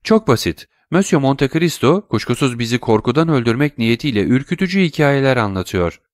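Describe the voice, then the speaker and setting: A man's voice: medium pitch, lively intonation, fairly quick, dry recording, studio quality, pitched above the performer's own voice, lightly acted. A man doing a mocking society lady. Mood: teasing. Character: sharp-tongued, teasing society lady.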